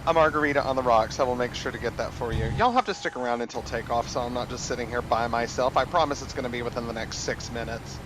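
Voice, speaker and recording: A man's voice: medium pitch, fast, hardly any pauses. A man speaking as a pilot, mixing casual talk with procedure calls. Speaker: airline pilot in cockpit. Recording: noisy cockpit.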